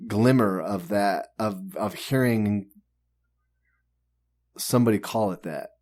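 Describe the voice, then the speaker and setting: A man's voice: on the low side, slow, a little mellow. A man co-hosting a podcast, answering trivia in an easygoing, joking way. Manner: easygoing, joking, laid-back. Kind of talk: casual chat.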